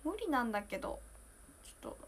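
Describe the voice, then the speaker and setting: A young woman in her twenties chats on a solo livestream in a high, lively voice that swings widely up and down. She is talkative and emotional, at times close to tears, and drops from loud bursts into hushed asides. A faint hum of room noise sits under her voice. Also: fairly quick. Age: 20s. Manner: chatty, emotional, drifting between loud and hushed. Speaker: idol streamer. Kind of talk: casual solo livestream chat.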